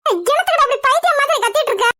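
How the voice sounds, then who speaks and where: A woman's voice: lively intonation, rapid-fire, bright, forceful tone, dry recording, studio quality, heavily acted. A woman voicing a protective, scolding mother in a cartoon. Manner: scolding, shrill. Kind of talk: Tamil cartoon voice acting.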